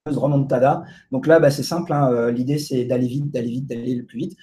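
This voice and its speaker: Mellow-voiced man presenting, hesitant. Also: mid-range voice, steady tone, a little fast. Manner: hesitant, many fillers and restarts. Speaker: presenter at a data meetup. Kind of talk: live casual presentation. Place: co-working space in front of an audience.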